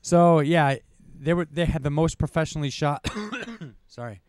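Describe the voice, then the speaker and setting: A man's voice: fairly high pitch, fairly even intonation, moderate pace, a little mellow, clean tone, no room sound. A young man co-hosting a podcast, reading competition results from notes with casual asides and the odd cough. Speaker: co-host. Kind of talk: podcast rankings recap.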